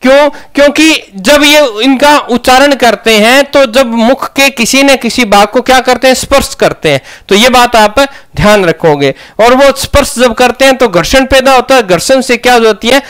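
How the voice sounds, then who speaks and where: A man's voice: very high voice, lively intonation, moderate pace, a bit bright, clean tone. A man teaching a grammar lesson, asking questions and answering them himself.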